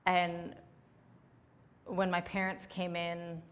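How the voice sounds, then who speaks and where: A woman's voice: fairly low pitch, completely flat delivery, slow, big-room sound. A young adult woman, a comedian, giving candid, chatty answers in a casual interview.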